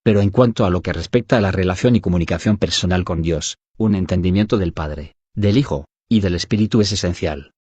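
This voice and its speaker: A man narrating a devotional audiobook in an even, measured reading style. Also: sits low, breathy edge, dry recording. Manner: even, measured reading that voices punctuation aloud.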